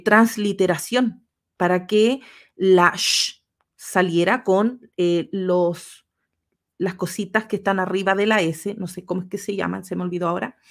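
A woman giving a history lecture on a livestream, patiently walking viewers through slides one step at a time. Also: fairly low pitch.

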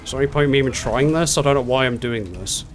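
A man with a medium-pitched voice talks fast while playing a co-op game with friends, chatting casually, commentating, swearing and teasing them. Game music and effects plus other background noise can be heard.

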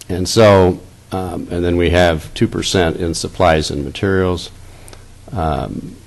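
A man in his fifties presenting a school budget at a public board meeting, seated at a dais and speaking into a desk microphone, halting and repeating words as he reads out figures. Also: deep voice, a little mellow. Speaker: school district finance officer.

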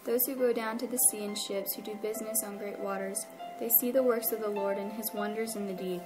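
Female co-host, steady flat scripture reading, set back from the mic over music. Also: medium pitch, a little fast, poor audio. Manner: steady, even reading aloud.

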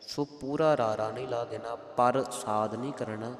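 A man teaching careful pronunciation of scripture, spelling out vowel marks and chanting lines slowly. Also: mid-range voice, fairly even intonation, a little mellow. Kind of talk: slow pronunciation lesson with chanted verses. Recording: echoey room with long reverb.

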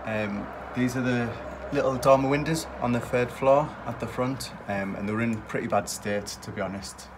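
A man renovating old windows, explaining his work to camera in a relaxed, hesitant way with lots of ums. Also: medium pitch, moderate pace, hardly any pauses, background noise. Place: top-floor room of a château.

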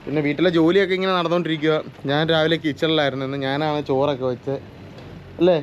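A man's voice: a little high, steady tone, quick pace, a little hiss or hum. A young man from chatting casually to his viewers in a home vlog, teasing and talkative. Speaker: vlogger. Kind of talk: casual family vlog chat.

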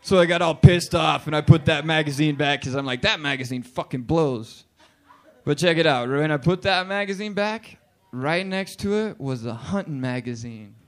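A man doing a crude, animated stand-up routine in a bar and grill, acting out characters as he goes. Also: fairly high pitch, normal speed. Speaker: stand-up comedian.

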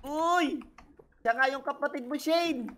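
A woman's voice: sits high, slow pace, fairly bright tone. A woman, encouraging her friend while they play a game together. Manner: encouraging, upbeat, laughs often. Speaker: co-host gamer. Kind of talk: playful game commentary.

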